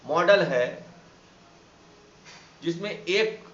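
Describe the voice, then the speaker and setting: A man's voice: on the high side, expressive, extremely slow, a bit bright, soft background music. A man from Bihar, a teacher, giving an impassioned monologue full of indignant rhetorical questions. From Bihar, India. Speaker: teacher and activist. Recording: echoey room, slightly dull sound, faint background noise.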